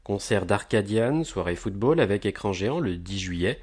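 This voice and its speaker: Male promo narrator, lowish pitch, upbeat and emphatic on headlines, scripted delivery. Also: expressive, moderate pace, a little mellow, husky. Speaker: announcer of a local events agenda.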